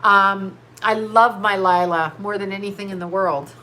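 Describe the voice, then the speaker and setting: A middle-aged woman with a stuffy nose does a tarot reading for live-stream viewers, answering their chat in a casual, blunt way. Her mid-range voice is steady, pushed and bright, moving at a normal speed over poor audio. She swears, laughs often and tends to scatter.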